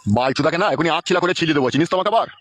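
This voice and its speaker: Brief: irate village father, played by a man, rapid-fire cursing, slightly high voice. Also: animated, no echo, natural voice. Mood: exasperated. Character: short-tempered foul-mouthed village father. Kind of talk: comic sketch acting.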